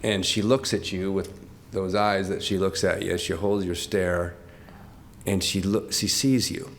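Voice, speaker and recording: An older man giving heartfelt off-the-cuff remarks at a tribute, emotional and close to tears, speaking haltingly with many restarts and laughing through it. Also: sits low, flat delivery, a little hiss or hum. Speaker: speaker at a corporate tribute event.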